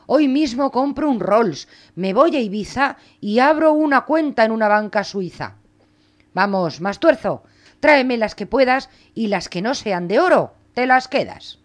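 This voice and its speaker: A woman voicing a quick-tempered peasant mother in a storybook, scolding loudly with a high, lively voice. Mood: greedy glee.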